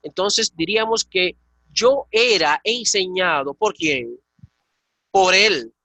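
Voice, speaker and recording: A man's voice: high-pitched, lively intonation, takes it slowly, sharp tone, no room sound. A man from the Dominican Republic teaching a Koine Greek class, explaining patiently and checking in with his students. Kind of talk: online class lecture.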